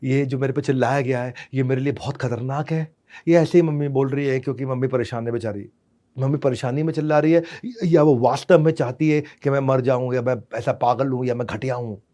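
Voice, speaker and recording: A man's voice: medium pitch, fairly even intonation, brisk, mellow. A man giving a dramatic, emphatic motivational lecture on parenting, with rhyming asides and English phrases mixed in. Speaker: parenting speaker.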